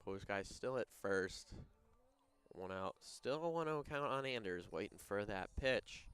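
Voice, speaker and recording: A young man calls the action of a high school baseball game. His voice is smooth and clear and sits a little low. Between pitches he trades jokes with his broadcast partner. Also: expressive, unhurried, fairly bright tone. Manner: banters and teases his co-announcer. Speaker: play-by-play announcer.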